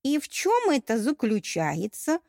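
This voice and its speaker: A woman's voice: on the high side, wildly swooping pitch, measured pace, gravelly, dark tone, no room sound, studio quality, pitched above the performer's own voice, full character voice. An eager, curious young merman from a fairy-tale audiobook, voiced by a woman reader. He fires off inquisitive questions, keen for every detail.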